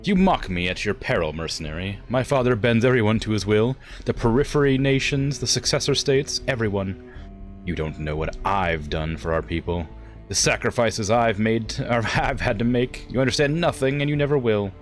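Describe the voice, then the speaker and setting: A man's voice: on the low side, animated, moderate pace, natural voice. Guy doing a haughty captured noblewoman villain from a game, sputtering foiled threats, music in back. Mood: indignant, threatening. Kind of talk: reading game dialogue aloud.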